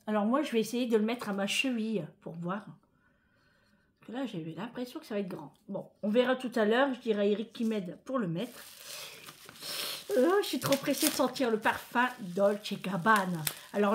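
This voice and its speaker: A woman from France talks casually to her viewers in a vlog. Her voice sits a little high, and she sounds chatty and emotional. Faint background noise runs under the recording. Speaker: vlogger. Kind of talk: casual chat.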